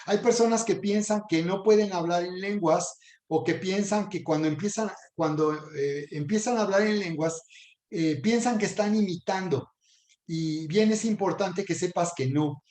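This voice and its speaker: A man's voice: high-pitched, moderate pace, a little mellow. A man, a pastor teaching a video Bible lesson and leading a prayer, earnest and often repeating words. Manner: earnest, repeats words while searching for them. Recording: echoey room.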